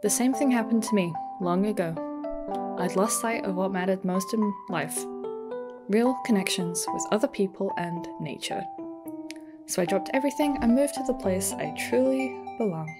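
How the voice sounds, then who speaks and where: A woman reading out the letter of a gentle, wise old grandfather from a farming game, softly and slowly, with game music behind. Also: medium pitch, close to an everyday voice. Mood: tender. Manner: slow, soft, reading aloud. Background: background game music.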